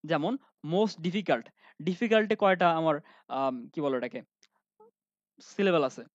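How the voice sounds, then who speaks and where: A man's voice: a little high, slow, dry recording. Guy teaching grammar online, keeps asking then answering himself, lots of ums, dull dry audio. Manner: asks students questions and answers them himself, with frequent fillers.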